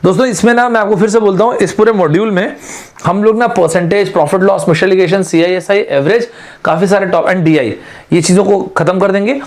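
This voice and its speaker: Speaking quickly in a fairly high voice, a male aptitude teacher leads an online exam-prep class. His tone with students is chatty and friendly, and he sprinkles English terms through his explanations.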